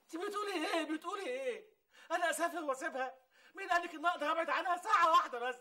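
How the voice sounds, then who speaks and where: Pleading jealous husband, Egyptian accent, very fast bright talk, TV drama. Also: male voice, very high voice, exaggerated voice. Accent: Egyptian Arabic. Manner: pleading, anxious, emotional. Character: jealous, desperate middle-aged husband. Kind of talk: TV drama acting.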